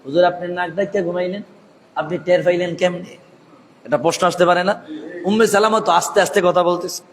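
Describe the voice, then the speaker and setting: A man's voice: high voice, fairly even intonation, fairly quick, a little hiss or hum. A man preaching a fervent sermon, chanting and sing-song, calling out to the crowd over a PA system. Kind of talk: Bengali waz sermon. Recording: echoey PA sound with long reverb.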